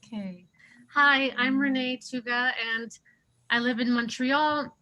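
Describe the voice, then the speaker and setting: A woman from Alberta chats through her introduction on a video call. Her voice sits high, with a bright, crisp edge. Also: steady tone, slow pace, highs cut off. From Alberta, Canada. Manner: chatty, self-deprecating. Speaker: participant.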